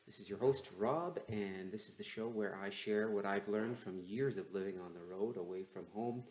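A man's voice: on the low side, normal speed, darkish tone. A man hosting a casual solo podcast, his enunciation slightly stiff from a sore, numb jaw. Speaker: podcast host. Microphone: newly bought microphone, not laptop mic. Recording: roomy, echoey home microphone recording.

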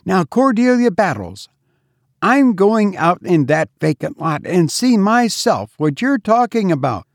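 A man voicing a peremptory, indignant mistress of the house in a storybook reading, with a sharp, impatient, demanding manner. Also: fairly high pitch, sing-song, takes it slowly, dry recording, clean studio sound, voice pushed up, exaggerated voice. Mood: stern.

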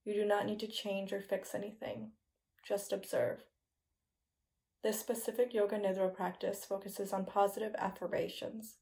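Woman, slow hypnotic meditation guide, soothing, very even pitch, gravelly fry, soft phrase endings. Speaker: yoga nidra meditation guide. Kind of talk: guided meditation, scripted relaxation narration.

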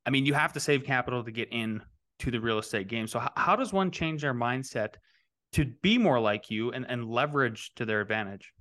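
A man's voice: medium pitch, animated, brisk, a bit bright. A middle-aged man hosting a casual interview podcast, asking long questions that wander and restart as he goes. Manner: rambling, frequent restarts. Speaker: podcast host, real estate developer.

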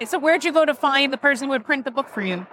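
A woman interviewing a guest at a toy show, chatty and animated, telling stories. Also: high-pitched, fast talker, slight background noise. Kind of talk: casual interview chat. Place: event floor at a toy show.

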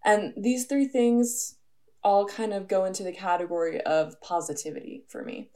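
A woman's voice: medium pitch, steady tone, moderate pace, warm tone. Earnest young woman hosting a podcast. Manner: casual and earnest, many "like" fillers. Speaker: podcast host. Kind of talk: solo podcast monologue.

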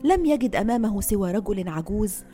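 A woman storyteller narrates a folk tale in a fireside manner. Her mid-pitched voice moves freely up and down with expressive phrasing, and music plays softly underneath. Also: brisk. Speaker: storyteller host.

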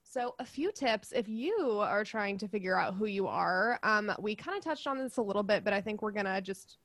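Giggly young woman podcasting, chatty and excited, dry sound. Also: mid-range voice, moderate pace, no echo. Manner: bubbly, giggly, lots of fillers. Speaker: podcast co-host. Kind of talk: casual podcast chat.

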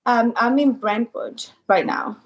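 A Swedish woman with a mixed Swedish and British accent and a slightly rough morning voice, chatting as a guest over a video call. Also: a little high, a little slow. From Sweden. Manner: laughs often, friendly and chatty. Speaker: podcast guest. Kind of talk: casual interview chat. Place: home in a sunny residential area.

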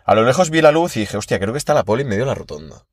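A man's voice: medium pitch, very fast, dry recording. A young man with a Spanish accent, co-hosting a podcast, telling stories in casual chat and laughing often. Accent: Spain. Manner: animated storyteller, laughs often, slangy. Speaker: podcast co-host.

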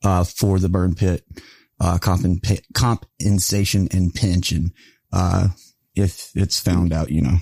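Low-voiced, profane veteran podcast host. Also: male voice, little pitch movement, slow pace, gravelly, darkish tone, dry recording. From rural area. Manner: profane, laughing, storytelling. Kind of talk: casual podcast chat.

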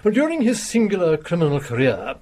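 An actor playing an elderly retired detective in a radio drama, precise and lofty, who lays out deductions with a chuckle. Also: male voice, high voice, huge pitch swings, a little fast, darkish tone. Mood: genial. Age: older. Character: elderly retired detective, brilliant, vain and untidy.

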